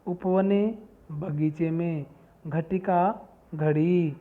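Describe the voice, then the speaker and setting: A man teaching a school Sanskrit lesson in Hindi, reading each word and its meaning and repeating it back as a question. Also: on the high side. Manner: reads terms slowly one by one. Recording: tinny phone-like sound.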